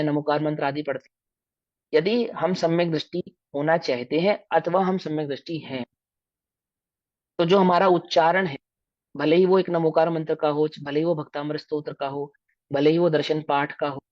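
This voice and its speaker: A man's voice: on the high side, darkish tone, dry recording. Man, Hindi accent, religious lecture, question-and-answer teaching, dry, muffled recording. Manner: explanatory, asks the listeners questions and answers them. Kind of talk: scriptural lecture to a class.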